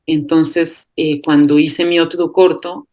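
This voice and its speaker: A film director from Costa Rica, a woman speaking Costa Rican Spanish, answering interview questions with many pauses, fillers and restarts. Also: low-pitched, flat delivery, a little mellow. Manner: hesitant, thinks aloud with many fillers and restarts; laughs lightly while talking.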